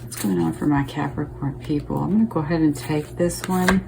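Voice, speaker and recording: A woman with a low, gravelly voice gives a relaxed tarot reading, chatting as she turns each card. She thinks out loud and keeps checking in with her viewers. There is faint noise behind her. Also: brisk. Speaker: tarot reader.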